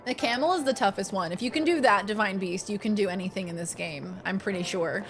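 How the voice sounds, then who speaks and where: A woman chatting casually and playfully as she comments on the game she is streaming, expressive and a bit silly. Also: medium pitch, quick pace. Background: game music.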